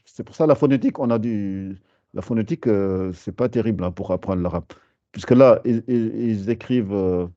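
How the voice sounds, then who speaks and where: A man teaching a beginner language class, patiently repeating sounds slowly to show how they are pronounced. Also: on the low side, warm tone, no echo, muffled recording. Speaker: Arabic teacher.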